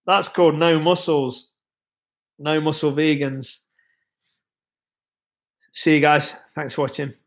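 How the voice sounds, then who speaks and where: Taking it slowly with long pauses, a young man with a fairly high voice hosts a laid-back livestream. He reads viewers' comments and chats loosely, rambling with many fillers, his voice somewhat worn from being ill.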